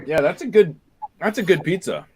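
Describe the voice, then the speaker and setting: A man's voice: high voice, animated, normal speed, darkish tone, slight background noise. A man hosting a casual chat, talking while he eats. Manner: chatty, talks with his mouth full. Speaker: podcast host.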